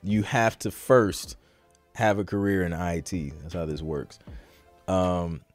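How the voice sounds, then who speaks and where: On a laid-back livestream Q&A about making music, a man who hosts a podcast and produces tracks talks slowly in a low voice, with no room sound. He chats informally and uses plenty of slang.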